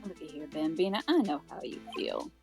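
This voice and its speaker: A woman's voice: medium pitch, expressive, brisk, over music, lightly acted. A woman voicing a swaggering cowboy detective man, reading game lines in a put-on drawl with folksy slang.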